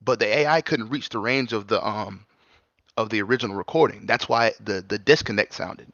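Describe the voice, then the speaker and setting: A laid-back male podcast co-host with a gravelly edge to his voice, telling stories in casual chat. The recording sounds dull and dry, with little room sound. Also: on the low side, a little fast, fairly bright tone, no echo. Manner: laid-back, says "y'all", storytelling asides.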